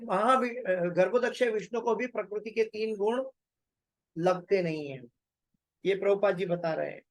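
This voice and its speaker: A man giving a scripture lecture, explaining slowly with pauses and repeating his phrases. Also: high-pitched, no echo, low-quality recording. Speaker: Bhagavatam lecturer.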